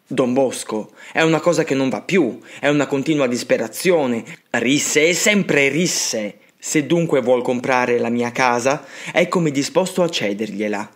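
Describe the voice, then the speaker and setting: A man's voice: medium pitch, expressive, unhurried, few pauses, close to an everyday voice. A man doing a fed-up house owner. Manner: complaining, fed up. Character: exasperated middle-aged male house owner.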